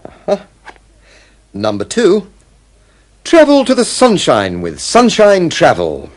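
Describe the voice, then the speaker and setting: A man acting in a scripted course dialogue, reading in a clear, deliberate way. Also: sits high, huge pitch swings, heavily acted.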